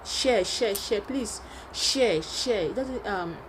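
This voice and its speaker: A woman's voice: mid-range voice, expressive, slow. A woman hosting a video channel, introducing a clip and urging viewers to share it, pleading and repetitive. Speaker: channel host. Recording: noisy background.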